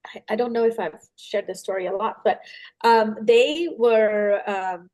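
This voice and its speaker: A woman, a pediatric dentist, telling a personal story in an interview with many fillers, putting on lively quoted voices. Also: mid-range voice, measured pace.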